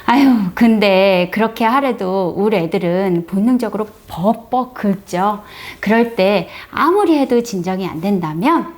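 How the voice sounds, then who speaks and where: A woman's voice: mid-range voice, expressive, unhurried, hardly any pauses, a little mellow. Chatty woman explaining a home remedy. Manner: chatty, friendly, explains step by step. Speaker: brace clinic staff presenter. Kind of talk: casual how-to demonstration.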